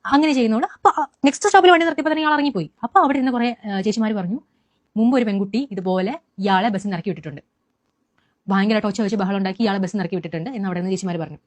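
With a medium-pitched voice, a young woman from Kerala gives a first-person eyewitness account of an incident. She retells it rapidly and animatedly, often restarting, in a recording with no room sound.

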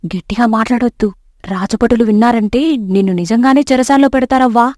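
A woman's voice: fairly high pitch, a little fast, darkish tone, dry recording, studio quality, lightly acted. A woman doing a caring young granddaughter.

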